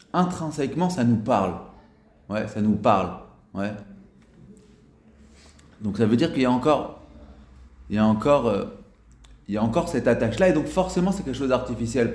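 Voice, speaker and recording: Halting man teaching in an echoey room. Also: medium pitch, darkish tone. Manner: halting, with frequent restarts and "ouais" fillers. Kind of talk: casual spoken lesson.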